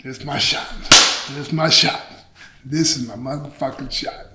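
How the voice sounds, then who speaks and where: Heavy background noise sits under a middle-aged man's medium, steady voice as he talks at a moderate clip. He's a pro wrestler guesting on an interview, sitting on a couch in a small indoor set and telling animated, candid, profane stories while voicing bits of dialogue. The recording has a roomy echo.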